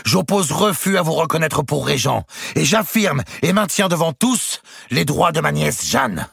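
A proud medieval duke who flings out refusals with haughty defiance, as a man puts him on. The voice is raised well above the reader's own, loud and husky. The reading stays dry and close. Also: a little high, moderate pace, no echo, voice pushed up, exaggerated voice. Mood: defiant. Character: proud defiant male duke, hostile and unyielding.

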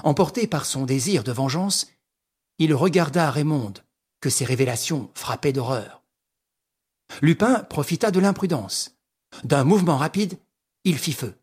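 A man narrating a classic novel aloud in a slow, measured, dramatic reading. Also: on the high side, lively intonation, darkish tone, slightly rough.

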